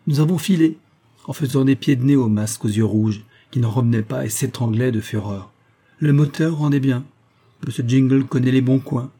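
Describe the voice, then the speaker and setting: A man reading aloud, voicing a mocking, lively young woman with a teasing, sharp tongue. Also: mid-range voice, normal speed, husky.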